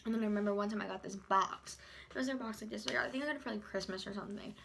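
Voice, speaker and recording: A young adult woman vlogs in a loose, informal chat, chewing while she talks. Her voice sits at a medium pitch and her sentences wander and halt. There is faint noise in the recording, with small clicks. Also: creaky, a bit bright. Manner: informal, halting, loosely rambling. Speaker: YouTuber vlogger. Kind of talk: casual chat to camera during a mukbang.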